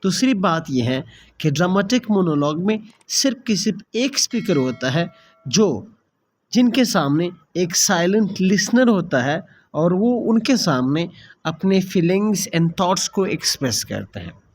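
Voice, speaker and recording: A young man lecturing on literature, explaining each point slowly and repeating it in two languages. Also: high voice, sing-song, slight background noise. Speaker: literature teacher. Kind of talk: lecture mixing Hindi and English.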